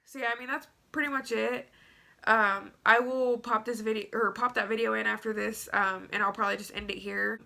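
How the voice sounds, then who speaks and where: A woman's voice: on the high side, fairly even intonation, a little fast, vocal fry, sharp tone, soft background music. A young woman with a stuffy nose telling a story to her vlog audience, chatty and rambling with lots of fillers. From Tennessee. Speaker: vlogger. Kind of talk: casual story-time vlog.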